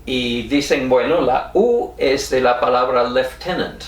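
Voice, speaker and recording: American guy explaining spelling slow, letters one at a time, roomy sound kinda far off. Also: medium pitch. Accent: American English. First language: English. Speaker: teacher.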